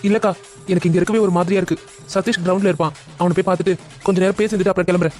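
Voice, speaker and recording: A man's voice: high-pitched, steady tone, racing, a little mellow, faint music behind, lightly acted. A man voicing a firm, exasperated young man in a cartoon family drama. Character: angry, protective young man.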